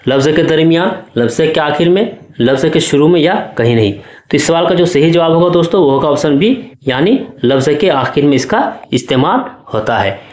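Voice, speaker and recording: A male teacher with a fairly high voice works through exam questions one by one. He explains each answer patiently and keeps checking that the class follows. The sound has a noticeable room echo. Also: lively intonation, a little fast, hardly any pauses, a little mellow. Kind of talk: exam-prep lesson.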